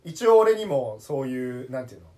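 A male podcast co-host with a talkative, casual way of speaking. His mid-pitched voice moves up and down a great deal as he banters. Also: big pitch swings, fairly quick, a little mellow. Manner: chatty, self-confessed talker. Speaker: podcast co-host, theatre troupe member.

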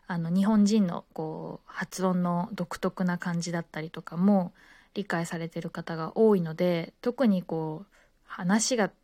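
A Japanese woman talks on her own in an easygoing podcast style, her voice sitting a little low. She pauses often with soft fillers. The sound is dry and close. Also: no room sound. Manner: relaxed, many fillers. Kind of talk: casual solo talk.

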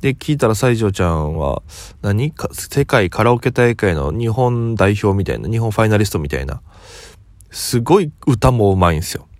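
A young comedian from Okinawa, just woken up, telling a rambling story in a relaxed solo talk. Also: male voice, lowish voice, normal speed, dry recording. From Okinawa, Japan. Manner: relaxed rambling storytelling, quoting others as he goes. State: just woken up, voice lower than usual.

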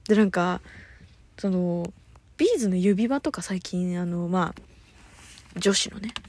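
A woman hosting her own talk radio show, chatting casually on her own, often losing her thread. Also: unhurried. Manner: rambling, loses her thread, laughs often; high-energy, lively talker. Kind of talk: casual solo chat.

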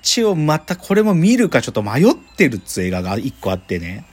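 A man's voice: mid-range voice, wildly swooping pitch, fairly quick, breathy edge. A man hosting a radio show in casual chat, rambling and colloquial with plenty of fillers. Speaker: radio host.

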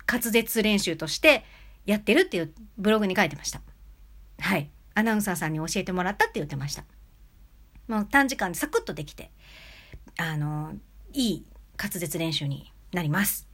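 A woman hosting a casual solo podcast lesson, talking close to an angled mic and demonstrating shifts in speed, pitch and loudness. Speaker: podcast host giving recording tips. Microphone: close mic about ten centimeters away, angled.

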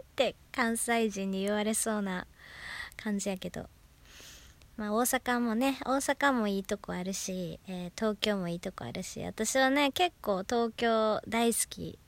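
A woman's voice: mid-range voice, unhurried, no room sound. A woman from Osaka with a Kansai accent, chatting alone on her radio talk show and laughing at herself. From Osaka, Japan. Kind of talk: casual solo chat.

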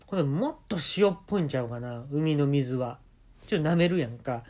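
A man with a Kansai accent telling comic stories in a solo monologue, deadpan with sudden animated jumps. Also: fairly high pitch, brisk. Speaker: podcast host.

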